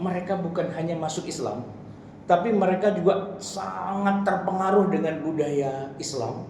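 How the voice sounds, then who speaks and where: A man's voice: on the high side, darkish tone. A man from Indonesia giving a casual religious history talk, chatty and often turning to address a listener directly. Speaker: Islamic teacher. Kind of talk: casual lecture. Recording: very echoey room with faint noise.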